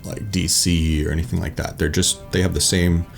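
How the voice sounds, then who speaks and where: A man's voice: sits low, little pitch movement, normal speed, creaky, soft background music. A man hosting a solo tabletop game, narrating his play casually and thinking aloud in informal language.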